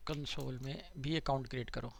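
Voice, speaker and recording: A man's voice: mid-range voice, steady tone, a little fast, creaky, a little hiss or hum. A man teaching a live online digital marketing class, chatty and checking in often with his students. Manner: conversational, repeats "theek hai" to check students follow.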